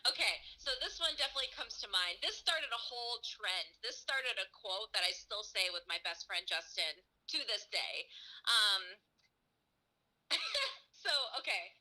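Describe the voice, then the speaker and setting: Bright-voiced young woman telling a story. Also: mid-range voice, unhurried, poor audio. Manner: animated, swears freely, laughs often. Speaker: girlfriend answering viewer questions. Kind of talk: casual storytelling chat.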